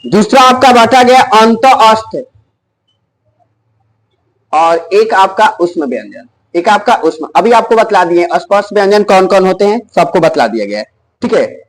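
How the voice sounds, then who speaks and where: A man teaching an exam-prep Hindi grammar lesson, slowly repeating each term and quizzing his students. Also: high voice, lively intonation, poor audio.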